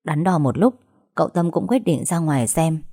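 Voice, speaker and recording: A young woman reading a dramatized audiobook story, acting out family quarrels by raising her pitch and volume. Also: expressive, moderate pace, warm tone, slightly rough.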